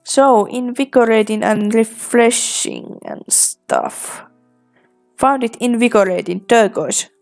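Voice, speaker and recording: A woman's voice: fairly high pitch, lively intonation, slow pace, creaky, a little mellow, faint music behind. A woman making offhand casual asides while playing and reading a game aloud. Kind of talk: casual let's-play commentary.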